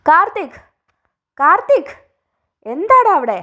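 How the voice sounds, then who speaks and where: A woman voicing a domineering middle-aged father who shouts and gives commands in a storybook reading. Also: medium pitch, a little fast, breathy edge, natural voice. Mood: stern. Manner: bellowing, commanding.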